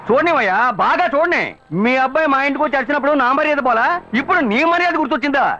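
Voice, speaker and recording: An actor playing a hot-tempered middle-aged father who shouts and scolds, in a dubbed film scene. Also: extremely high pitch, very fast. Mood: threatening. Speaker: angry father of the girl. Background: film score.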